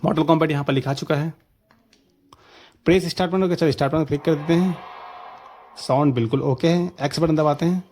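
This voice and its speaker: A man casually talking viewers through a gaming setup tutorial, chatty and excited, calling them friends. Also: a little high, fairly quick, long pauses. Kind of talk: casual screen-recorded tutorial commentary.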